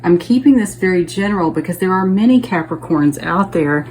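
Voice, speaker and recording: A woman's voice: fairly low pitch, animated, brisk, a little mellow, slight background noise, poor audio. A woman giving a casual, chatty tarot reading to her viewers, thinking aloud and checking in with them as she goes. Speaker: tarot reader.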